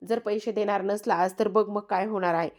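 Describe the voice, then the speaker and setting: A woman's voice: mid-range voice, fairly even intonation, moderate pace, lightly acted. A woman voicing a stern young woman who protects her home and scolds a thief, read inside a recap. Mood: scolding. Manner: read as quoted lines within a narrated recap.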